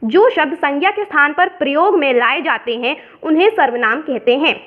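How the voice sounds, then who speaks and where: A woman's voice: sits high, moderate pace. A woman teacher from India explaining a worksheet step by step, mixing English words into her lesson. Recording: dull lo-fi sound.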